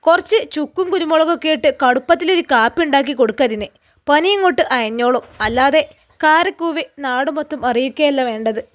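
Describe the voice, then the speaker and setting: A stingy, scornful older mother-in-law scolds in a Malappuram accent, as a woman puts her on. The voice sits high and the tone stays mocking. It is a spoken storybook role. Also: expressive, fairly quick. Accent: Malappuram Malayalam.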